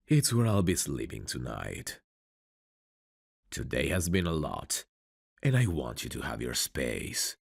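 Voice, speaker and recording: In an intimate ASMR romance roleplay, a man with a husky, gravelly bass voice plays a courteous, tender mafia bridegroom, soft-spoken and flirtatious. The heavily acted performance feels tender yet reserved, captured in a dry, studio-quality recording.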